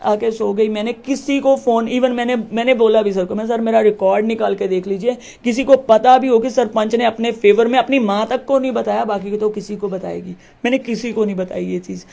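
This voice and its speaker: A woman's voice: a little high, steady tone, a little fast, gravelly, hardly any pauses, warm tone. A woman who heads her village, recounting a confrontation with the police in an interview and acting out the dialogue emphatically. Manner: emphatic, acts out quoted dialogue. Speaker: village head.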